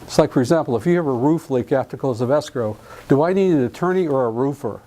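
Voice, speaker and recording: A middle-aged man from Alabama in the US South lectures a live class on real estate contracts, speaking quickly in a warm, expressive, mid-range voice. His style is folksy and joking, and he quizzes his students as he goes.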